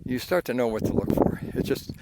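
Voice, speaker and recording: A breathless older man narrates his canyon hike into a handheld camera, rambling comfortably with plenty of fillers. His voice is mid-range, animated and creaky, moving fairly quickly. The walking recording is heavy with loud outdoor noise.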